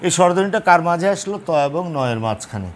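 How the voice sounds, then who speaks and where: A man's voice: a little high, animated, brisk, slight background noise. A man teaching a grammar lesson at a board, spelling out each sound piece by piece.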